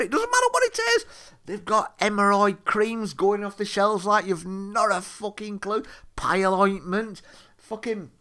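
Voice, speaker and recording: A man's voice: sits high, fairly bright tone. A man telling a profane, exasperated story as a ranting monologue. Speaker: podcaster.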